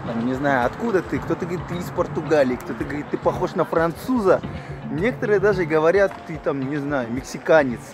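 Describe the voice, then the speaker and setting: A young man from Kazakhstan hosts upbeat street interviews for his vlog on a city street, laughing often. His fairly high voice is expressive and fast, with music in the background.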